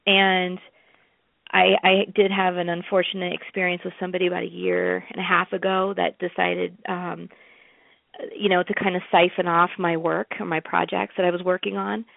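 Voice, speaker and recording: A woman's voice: fairly low pitch, level tone, normal speed, vocal fry, no room sound. A woman guest in an interview, telling stories in a chatty way with many fillers and restarts. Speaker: interview guest, music promoter. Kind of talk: casual interview talk. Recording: tinny phone line.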